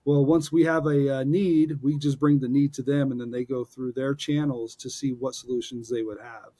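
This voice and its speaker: A man in his forties co-hosts a podcast, chatting in an upbeat, casual way and teasing his co-host with playful jokes, using many fillers and restarts. His voice is medium-pitched and mellow, with fairly even intonation and a moderate pace.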